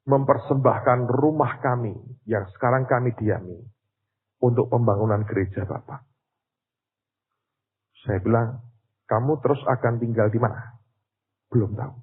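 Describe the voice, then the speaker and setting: A man preaching a sermon in with a tinge, telling a story and swinging between hushed asides and loud cries. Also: mid-range voice, measured pace, pauses often, husky. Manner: animated, swings from quiet to loud cries, addresses audience as "saudara". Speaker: pastor. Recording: tinny lo-fi recording in a reverberant hall.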